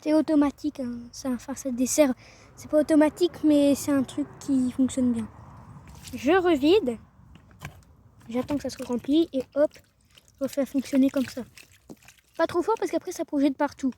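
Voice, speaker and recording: A teenage girl talks to her phone in a casual, rambling way, often trailing off and restarting her sentences. Her voice sits high. She records outdoors beside her chicken coop, with faint noise behind her. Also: moderate pace, pauses often, warm tone. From northern France. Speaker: vlogger. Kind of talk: casual vlog.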